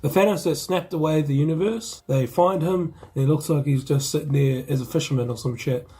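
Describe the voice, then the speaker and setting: Speaking briskly in a slightly high, dark and somewhat rough voice, a New Zealand man talks about a film he reviewed. His relaxed, slang-filled chat rambles, with frequent restarts.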